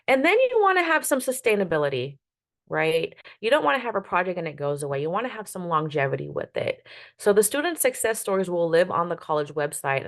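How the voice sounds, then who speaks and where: A woman's voice: fairly low pitch, gravelly. A woman who is a media professor, giving an online workshop presentation over a video call in an upbeat, emphatic way, often checking in with "right?" and "okay?".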